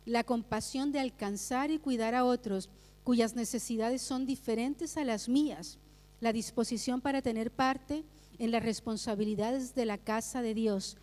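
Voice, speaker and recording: A woman pastor with a high voice preaches a Sunday sermon, mixing personal stories with teaching. She repeats key phrases for emphasis. Her voice carries a long reverb from the church hall. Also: a little mellow. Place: church sanctuary.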